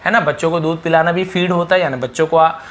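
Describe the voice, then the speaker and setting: A man's voice: fairly high pitch, fairly even intonation, fast, a little hiss or hum. Patient male vocabulary teacher. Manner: explains patiently, repeats each word, stresses the headword loudly. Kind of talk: vocabulary lesson.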